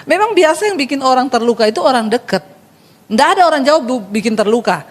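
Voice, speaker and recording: A woman's voice: on the high side, animated, fast, long reverb tail. A woman pastor preaching a sermon, telling funny stories and speaking directly to her congregation. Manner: humorous storytelling, acts out dialogue.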